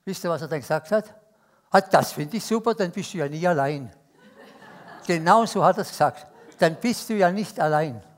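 Swiss man preaching, loud then hushed. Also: a little high, lively intonation, fairly quick. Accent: Swiss German. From Switzerland. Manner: storytelling, swings between loud emphasis and hushed asides. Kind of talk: sermon.

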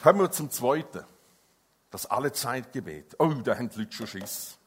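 Husky, emphatic male preacher. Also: medium pitch, lively intonation, moderate pace. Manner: emphatic, swings between loud stresses and quiet intimate passages. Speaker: evangelist, preacher. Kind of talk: sermon.

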